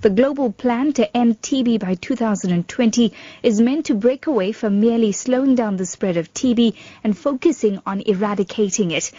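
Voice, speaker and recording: A woman's voice: a little high, mellow, dry recording, lo-fi sound. A South African woman presenting a scripted radio news bulletin. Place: radio studio.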